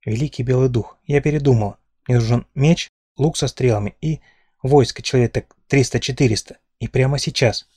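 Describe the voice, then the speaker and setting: A man voicing a sharp-tongued young woman held captive, mocking and defiant in an audiobook. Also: medium pitch, fairly quick, husky, no echo, studio quality, close to an everyday voice.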